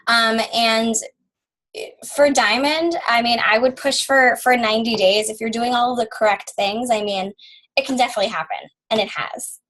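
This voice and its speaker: Woman co-host, fairly high voice, upbeat chatty call delivery. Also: steady tone, moderate pace, a bit bright, low-quality recording. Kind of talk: casual conference call.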